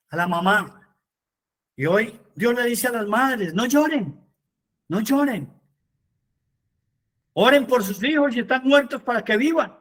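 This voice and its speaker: With a high, slightly bright voice for a man, he preaches at a Bible study, shifting from scripture reading to passionate appeals aimed at those listening.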